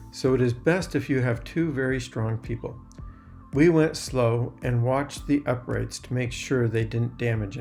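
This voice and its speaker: Male narrator, gravelly fry, mid pitch, scripted explanatory voice-over, soft guitar backing. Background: guitar music.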